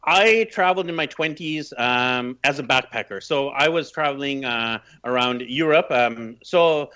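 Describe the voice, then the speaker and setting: A Canadian man in his thirties, appearing as a podcast guest, shares personal stories in a chatty, emphatic way. His voice is medium-pitched with a sharp tone and a measured pace. The audio is lo-fi and slightly dull.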